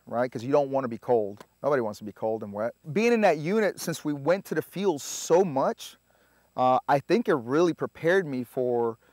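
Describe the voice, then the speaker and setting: An army veteran from Puerto Rico, a native Spanish speaker, tells stories as a guest in a casual interview. He sounds relaxed and halting, with lots of filler sounds and a medium pitch. The recording is dry, with no echo.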